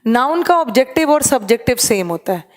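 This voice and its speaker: A woman teaches an English grammar class online. She explains each point step by step and mixes Hindi with English. Her voice sits a little high and has a long reverb trailing behind it. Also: big pitch swings, brisk.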